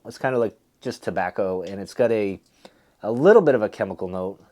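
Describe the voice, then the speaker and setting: A man's voice: lowish voice, animated, a little fast, warm tone. A man giving a casual, rambling review to viewers, thinking aloud in a hesitant, musing way. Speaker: pipe tobacco reviewer hosting a video.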